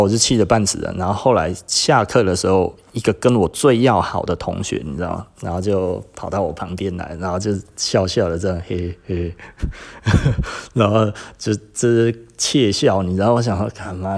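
A man with a Taiwanese Mandarin accent, hosting a podcast and telling a story in a casual, animated way, getting louder and higher when he is indignant. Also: fairly quick, vocal fry, few pauses. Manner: animated retelling with frequent sentence-final particles; rises in pitch and volume when indignant. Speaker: podcast host.

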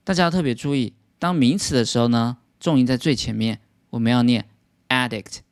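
A man's voice: medium pitch, a little fast, darkish tone, dry recording, studio quality. A man teaching English vocabulary as a patient lesson, explaining words step by step.

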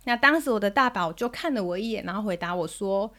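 A woman in her thirties with a Taiwanese Mandarin accent, hosting a parenting podcast and telling a story about her child in a gentle manner. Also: mid-range voice, expressive, fast. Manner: gentle, soothing when quoting herself to her child. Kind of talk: storytelling monologue.

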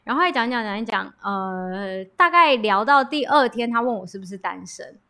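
A woman talks as a guest and recounts events in an easy, chatty way. Her voice sits a little high. She pauses on fillers and drops English words into her speech. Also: clean tone. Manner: animated retelling with hesitant fillers and mixed-in English words. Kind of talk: casual storytelling chat.

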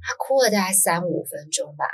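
A woman guest, an author and schoolteacher, telling a personal story in conversation, lively and full of fillers and quick "yes, yes" affirmations. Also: lowish voice, husky.

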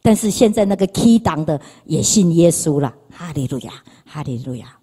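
A woman's voice: low-pitched, expressive, normal speed, dark tone, slightly rough. A woman with a Taiwanese Mandarin accent giving an emotional personal testimony in church, repeating phrases and speaking to the audience. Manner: emotional, repetitive storytelling, addresses audience. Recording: reverberant church hall.

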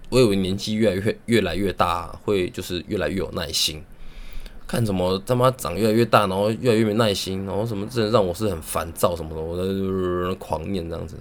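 A man's voice: low voice, creaky, a little hiss or hum. A young man with a Taiwanese Mandarin accent, telling a rambling story in casual monologue, swearing freely and laughing at his own jokes.

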